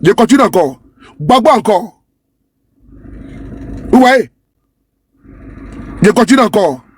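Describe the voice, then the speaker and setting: High-voiced, scornful male commentator. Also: animated, slow pace, slightly rough. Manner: repetitive, scornful, keeps asking "you see?". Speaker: online commentator. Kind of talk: talking to camera while scrolling a social media page.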